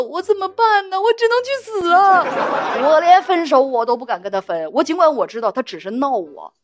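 A woman hosting a talk show, telling a relationship story in a chatty, animated way and acting out the quotes. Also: fairly high pitch. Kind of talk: storytelling monologue.

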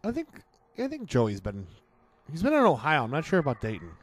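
A man's voice: on the high side, huge pitch swings, fairly quick. A man casually chatting in an audio commentary over a film, joking and crude.

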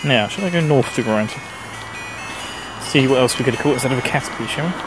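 A male gaming host with a mild Essex English accent and an average-pitched voice. He rambles casually through his commentary, chatting to himself as he plays. Music runs clearly behind him. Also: fast talker, poor audio. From Essex, England. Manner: chatty, talking to himself while playing.

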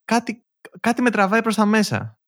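A young man co-hosting a casual podcast, relaxed and laughing easily. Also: high voice. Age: young adult. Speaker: podcast co-host.

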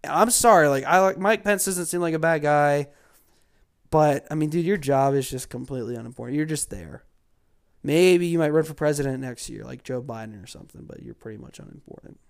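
A man's voice: a little high, a little fast, creaky. A man from Georgia ranting about politics in a casual, sarcastic and mocking way, dropping to mutters and then flaring up. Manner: sarcastic and mocking, swinging from mutters to loud outbursts. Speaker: political commentator.

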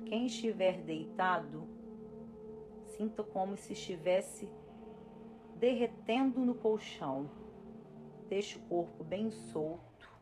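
A Brazilian woman calmly leading a guided breathing and relaxation exercise with unhurried pauses, as an instructor. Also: medium pitch. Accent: Brazilian Portuguese. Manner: slow, calm, instructing with pauses. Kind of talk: guided relaxation for expectant parents. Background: music.

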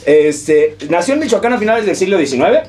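Animated, profane Mexican man telling history. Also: high voice, fairly quick, recorded from a distance. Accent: Mexican Spanish. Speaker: podcast host. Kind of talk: casual history chat.

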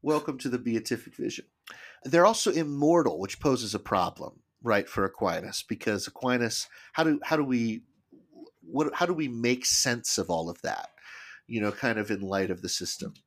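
A man's voice: medium pitch, animated, moderate pace. A man co-hosting a casual podcast, tentatively explaining a book at length. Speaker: podcast co-host.

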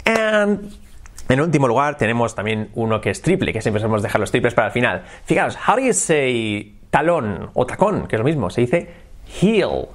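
A man with a Spanish accent from Spain leads an English vocabulary lesson, switching between Spanish and English as he goes. He slows down to spell words letter by letter and repeats each one several times. He sounds like a young adult teacher talking straight to his students. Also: mid-range voice, very animated.

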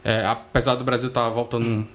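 A man's voice: mid-range voice, little pitch movement, fairly quick, a bit bright, slight background noise. A man, co-hosting a podcast in casual chat, blunt and swearing freely as he thinks aloud. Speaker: podcast co-host. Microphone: studio microphone.

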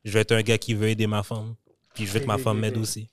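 A man from Quebec with a Quebec French accent, a guest on a podcast, talking candidly and laughing loudly. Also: lowish voice, completely flat delivery, fast. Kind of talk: casual banter.

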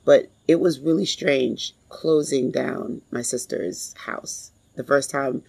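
A woman in her forties telling a personal story in a reflective, halting way. She is grieving and pauses often to compose herself. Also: very deep voice, creaky, a little mellow, husky, poor audio. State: grieving, emotionally strained.

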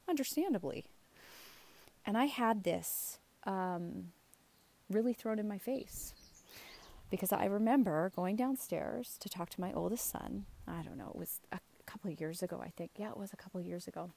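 Mellow woman talking from the mouth's corner. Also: on the low side, moderate pace, vocal fry. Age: middle-aged. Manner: talks out of the side of the mouth; earnest, emphatic, asks checking questions. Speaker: self-esteem coach hosting a show. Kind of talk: casual motivational talk to camera.

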